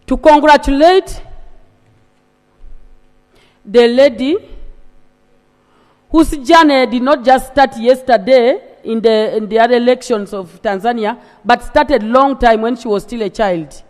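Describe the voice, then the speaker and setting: A woman's voice: a little high, measured pace, pauses often, darkish tone. A woman from eastern Uganda with a Ugandan accent, giving an impassioned, emphatic speech as a legislator in a parliamentary debate. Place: large assembly chamber. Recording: long reverb of a large chamber.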